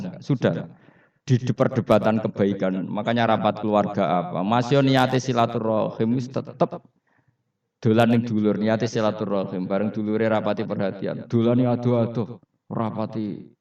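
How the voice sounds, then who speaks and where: Low-voiced Javanese preacher, distant and roomy. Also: male voice, darkish tone. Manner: storytelling with questions to the audience and laughter. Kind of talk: Quran study sermon. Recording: roomy, distant, dull hall recording.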